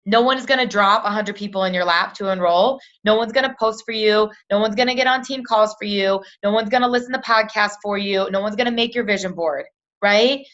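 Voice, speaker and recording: A woman giving an energetic motivational pep talk to her team on a conference call, often asking "right?" and saying "you guys". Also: medium pitch, brisk, highs cut off.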